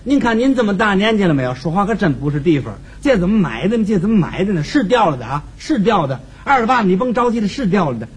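A man's voice: high voice, lively intonation, quick pace, hardly any pauses, husky, heavily acted. A man playing an angler's middle-aged wife who coaxes and placates. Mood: coaxing. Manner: soothing, coaxing.

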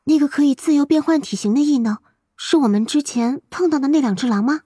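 A man voicing a clever, guarded young girl in an audiobook, in a soft, earnest and polite manner. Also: fairly quick, dry recording, clean studio sound. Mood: curious. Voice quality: high, thin girlish voice. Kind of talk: audiobook character voice.

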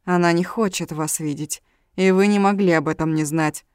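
A woman's voice: fairly low pitch, fairly even intonation, moderate pace, clean tone, no echo, studio quality, lightly acted. A woman voicing a ruthless male gang leader who speaks coldly and threateningly. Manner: cold, threatening.

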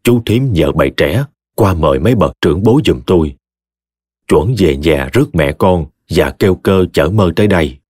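A man voicing a stern, indignant elderly father who speaks gravely and firmly. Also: sits low, lively intonation, moderate pace, darkish tone, no echo, clean studio sound. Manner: grave, firm.

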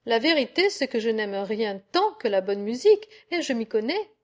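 A woman reading a medieval tale aloud, voicing a sly, smooth-talking male fox in a soft, flattering tone. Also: on the high side, moderate pace.

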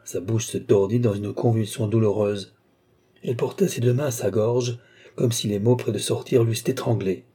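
A man reads a classic novel aloud at a steady, measured pace. His tone is mellow and dark, with a husky grain. The delivery is calm storytelling. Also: lowish voice. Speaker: audiobook narrator. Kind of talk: scripted narration.

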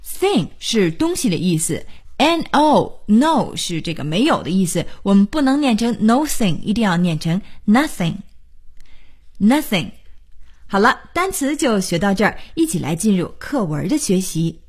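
Radio English teacher, woman, very animated pitch, patient and encouraging, spells letter by letter. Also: husky. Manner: spells words slowly letter by letter, lively and encouraging. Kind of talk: radio English lesson, spelling and explaining words. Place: radio studio.

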